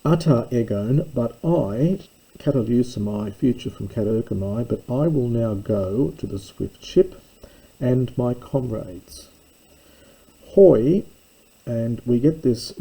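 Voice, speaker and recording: A man reading an ancient Greek text aloud and translating it line by line, in a careful, halting way with many pauses and fillers. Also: mid-range voice, gravelly, warm tone, breathy edge, low-quality recording. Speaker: classics teacher.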